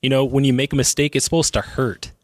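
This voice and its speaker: A man interviewed as a guest on a radio show, relaxed and enthusiastic, filling his talk with "I mean". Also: mid-range voice, fast talker, dry recording, studio quality.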